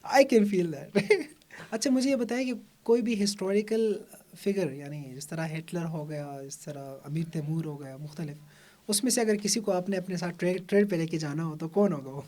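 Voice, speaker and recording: A man's voice: high voice, warm tone. A man hosting a casual podcast interview, chatty and mixing English words into his questions. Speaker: podcast host.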